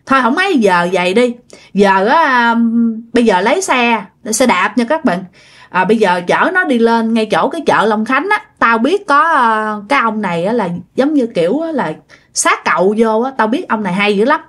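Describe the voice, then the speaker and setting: A woman's voice: on the high side, expressive, normal speed, fairly bright tone. Blunt, familiar old neighbor woman, voiced by a woman storyteller. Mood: blunt, urging. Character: blunt older female neighbor.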